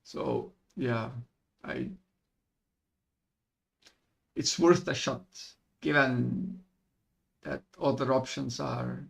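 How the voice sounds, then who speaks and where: Creaky-voiced man thinking aloud. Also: medium pitch, very slow, pauses often. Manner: hesitant, weighs options aloud. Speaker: tabletop game player. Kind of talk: casual in-character debate over voice chat.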